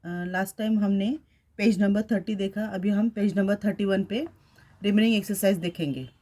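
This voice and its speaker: A woman's voice: medium pitch, moderate pace, mellow. Woman teacher spelling out words. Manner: spells words letter by letter, mixes Hindi and English. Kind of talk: classroom lesson explaining a workbook.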